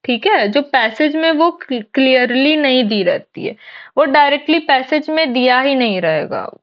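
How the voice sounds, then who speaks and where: A woman's voice: high voice, animated, moderate pace, dull audio. A woman teaching an exam-prep lesson, explaining step by step and asking and answering her own questions. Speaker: English teacher.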